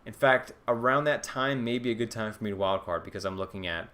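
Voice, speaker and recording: A young man with a lowish voice chats on a live stream, answering viewers. He thinks aloud in a loose, casual way, full of ums and restarts. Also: fast, sharp tone, clean tone. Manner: casual, answers viewer questions, many fillers. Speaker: fantasy football streamer.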